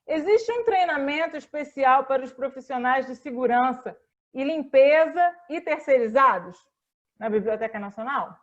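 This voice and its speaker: A woman's voice: sits high, expressive, normal speed, muffled recording. A Brazilian woman librarian moderating an online panel, speaking earnestly and tagging her sentences with questions. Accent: Brazilian Portuguese. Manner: earnest, repeats "né?" often.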